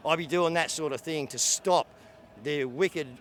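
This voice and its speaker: A man's voice: on the high side, unhurried, a little hiss or hum. Casual rambling man at a rally. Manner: casual, rambling, lots of "you know what I mean". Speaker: rally attendee. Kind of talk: street interview. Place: outdoor rally.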